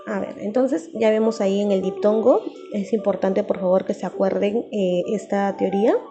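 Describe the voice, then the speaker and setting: A woman teacher giving a recorded grammar lesson, patient and repeating key terms slowly for her students. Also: mid-range voice, fairly even intonation, muffled recording, music in the background.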